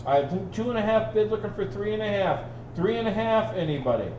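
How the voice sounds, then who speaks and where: A man's voice: high-pitched, lively intonation, a little fast, darkish tone. A man working as an auctioneer, calling bids in a repeated chant with folksy banter. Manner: folksy, bantering between bid calls. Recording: roomy, distant, dull sound with faint noise.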